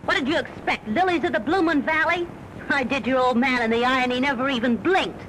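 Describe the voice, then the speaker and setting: High-voiced, mocking Cockney kept woman, defiant, hissy early talkie sound. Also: brisk, rough recording. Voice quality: sharp-tongued and scornful. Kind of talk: early-1930s film acting.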